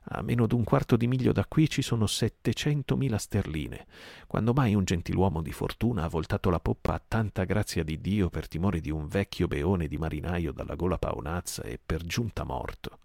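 A man voicing a gruff, defiant one-legged pirate captain in a storybook reading, blustering and rallying his crew. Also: low-pitched, lively intonation, normal speed, a little mellow, no room sound, studio quality, full character voice.

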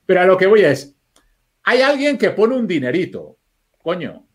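Chatty man, slightly high voice. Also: big pitch swings, moderate pace. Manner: loose, swearing storyteller, thinks aloud with restarts. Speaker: film editor guest. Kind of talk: casual podcast chat.

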